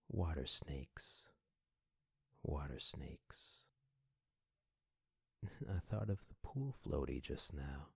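A man hosting a sleep podcast, narrating scripted stories intimately to the listener in a soothing, husky, breathy voice that often trails into a whisper. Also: very deep voice, a little mellow, no echo, studio quality. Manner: intimate, addresses listener as a friend. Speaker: host of a bedtime sleep podcast.

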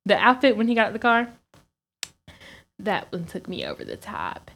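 Animated young woman telling a story. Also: medium pitch, normal speed, vocal fry. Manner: animated, profane, laughs often. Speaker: podcast co-host. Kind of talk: casual storytelling chat.

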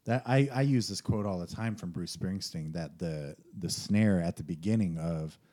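Deep-voiced man in rambling music chat. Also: moderate pace, dark tone. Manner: enthusiastic, rambling with many restarts.

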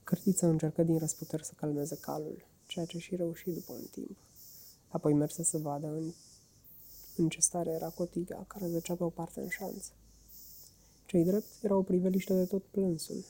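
A woman narrating a children's classic in an expressive storytelling manner. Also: lowish voice. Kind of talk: audiobook narration.

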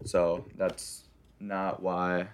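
A man's voice: low-pitched, monotone, drawn-out words. A young adult man co-hosting a casual podcast in a garage, talking in an informal, bro-ish way. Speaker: podcast co-host.

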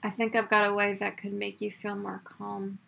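A young adult woman co-hosting a casual podcast chat with a dry, drawn-out delivery. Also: mid-range voice, completely flat delivery, gravelly, bright, forceful tone, a little hiss or hum. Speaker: podcast co-host.

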